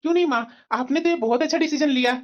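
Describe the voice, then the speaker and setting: A performer voicing a kind, newly married young husband in a cartoon story, gentle and reassuring. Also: high voice, racing, muffled recording, close to an everyday voice.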